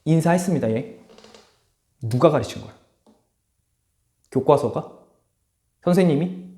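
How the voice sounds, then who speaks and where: A man's voice: a little high, expressive, unhurried, mellow, echoey room. A man teaching a social studies lecture, acting out each viewpoint in playful voices. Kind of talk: online lecture.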